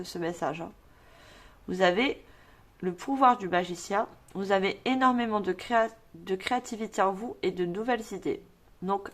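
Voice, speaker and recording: Rambling woman reading tarot. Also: medium pitch. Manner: rambling, fillers and self-repeats, reads cards aloud. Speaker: tarot reader.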